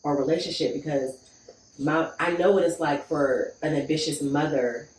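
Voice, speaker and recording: A woman's voice: sits low, normal speed. A woman from Pittsburgh, a guest telling her personal story in conversation and acting out what she said back then. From Pittsburgh, USA. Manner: animated storyteller acting out her own past lines. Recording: echoey room, distant mic, faint noise.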